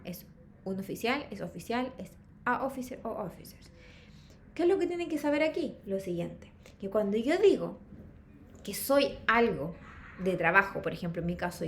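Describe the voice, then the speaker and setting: A woman's voice: high voice, a little hiss or hum. A woman teaching an English class, checking in constantly with her students. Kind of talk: online class lecture.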